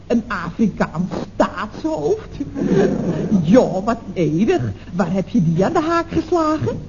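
An actress playing a chatty, gossiping office secretary in a 1960s radio comedy, exclaiming down the telephone. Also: female voice, on the high side, warm tone. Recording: dull old radio recording with faint hiss.

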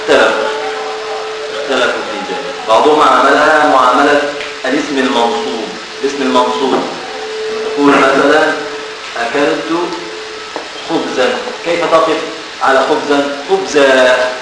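A man's voice: mid-range voice, moderate pace, pauses often. Egyptian man, classroom teacher, very roomy sound, ambient noise behind. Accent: Egyptian Arabic. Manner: lively, bantering with students, repeats key words. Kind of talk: classroom lecture. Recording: echoey room from far off, ambient noise.

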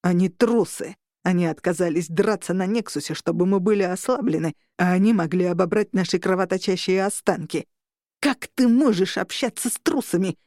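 A woman voicing an angry male vampire lord who shouts and snarls at his rivals. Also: high-pitched, fairly even intonation, moderate pace, no echo, clean studio sound. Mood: furious. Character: furious vampire lord marshal, growling.

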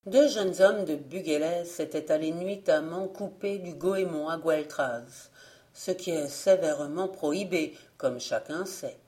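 Low, mellow woman reading an audiobook. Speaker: audiobook reader. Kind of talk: audiobook narration of folk legends.

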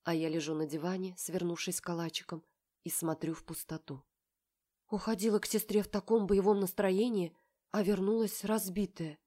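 A woman's voice: on the low side, fairly even intonation, moderate pace, mellow. Woman reading a first-person audiobook, emotionally invested. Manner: emotional, heartbroken storytelling. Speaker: audiobook narrator.

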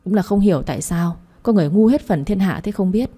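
A woman's voice: mid-range voice, lively intonation, fast talker, mellow, husky. A woman voicing a scornful young daughter-in-law who mocks and insults her in-laws. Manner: mocking, insulting.

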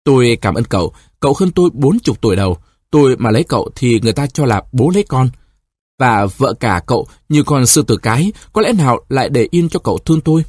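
A distraught young woman , voiced by a male reader, begs and reproaches her lover. Her tone is husky and raised, pleading with an edge of bitterness. The sound is dry and close, as in a storybook reading. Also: mid-range voice, animated, fast talker, a little mellow, dry recording. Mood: bitter.

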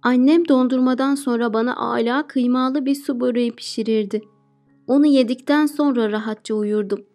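A woman voicing Keloğlan, a clever, cheeky young boy, speaking slowly and politely with a sly edge. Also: a little high, fairly even intonation, a little mellow, soft background music, close to an everyday voice.

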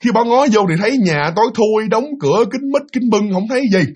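A man's voice: high voice, lively intonation, fast talker, darkish tone, slightly rough. A man with a Southern Vietnamese accent telling a ghost story casually, rambling and repeating himself while addressing his listeners.

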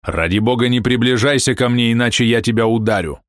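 A man's voice: medium pitch, a little fast, a bit bright, no room sound, clean studio sound, pitched above the performer's own voice, lightly acted. A man voicing a big, betrayed husband who turns harsh and explosive. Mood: furious. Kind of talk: audiobook character voice.

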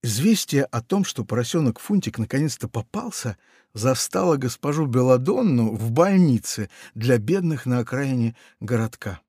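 Husky lively male storyteller. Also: medium pitch, moderate pace, no echo, clean studio sound. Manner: expressive, playful storytelling. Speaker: narrator. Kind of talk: audiobook narration of a children's tale.

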